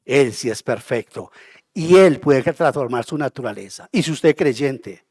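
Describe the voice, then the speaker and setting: A man preaching a sermon in a church, impassioned and moving between hushed and loud passages. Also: mid-range voice, lively intonation, unhurried, breathy edge, no echo, studio quality. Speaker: pastor.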